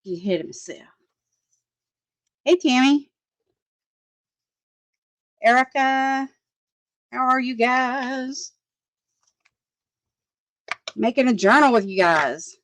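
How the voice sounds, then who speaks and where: A woman's voice: sits high, lively intonation, drawn-out words, long pauses, fairly bright tone, no echo, rough recording. Chatty woman crafting and chatting. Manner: chatty, rambling, thinks aloud, laughs often, reads and answers comments. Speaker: crafting livestream host. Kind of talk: casual crafting chat.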